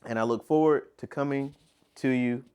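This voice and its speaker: A man's voice: medium pitch, moderate pace, darkish tone, clear, resonant tone. A man hosting a home cooking video, demonstrating a recipe with upbeat enthusiasm and plenty of repetition. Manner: upbeat, enthusiastic, repeats himself. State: talking with mouth full. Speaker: cooking channel host.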